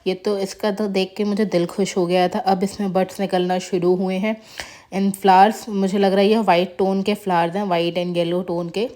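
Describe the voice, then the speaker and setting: A woman's voice: medium pitch, flat delivery, moderate pace, warm tone. A woman casually narrating a tour of her flowering plants as a gardening vlogger, chatty and showing each plant in turn. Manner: chatty, shows plants one by one.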